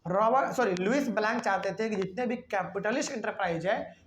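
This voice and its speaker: A teacher explaining a history lesson for class 9. The teacher reads English lines slowly, then explains them in Hindi, asking the class questions and answering them. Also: medium pitch, a little hiss or hum. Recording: echoey room.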